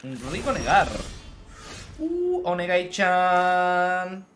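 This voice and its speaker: A man talks through his game live as a streamer, teasing and needling his opponent. His pitch rises and falls a great deal, though his pace stays unhurried. Faint music plays behind him. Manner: animated, taunts the opponent, mixes in English phrases. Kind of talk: live gameplay commentary.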